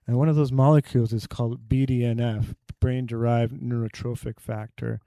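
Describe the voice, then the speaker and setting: Speaking at a presenter's mic to a live audience, a man gives a health talk, quizzing the room and explaining things through simple analogies. His average-pitched voice is mellow, warm and gravelly, with little pitch movement and a moderate pace. The sound is dry and close, with little room echo.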